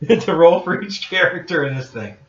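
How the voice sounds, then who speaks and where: A man's voice: a little high, expressive, normal speed, roomy sound. A man running a tabletop game as game master, explaining rules and teasing the players. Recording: dull lo-fi recording.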